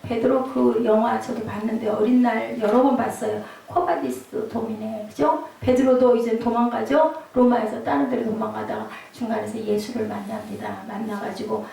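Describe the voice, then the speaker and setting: Gravelly woman preaching in an echoey church. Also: fairly high pitch, normal speed, hardly any pauses, warm tone. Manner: keeps checking in with the congregation with tag questions. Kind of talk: sermon at a Friday night prayer service. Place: church sanctuary. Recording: very echoey hall, mic far off.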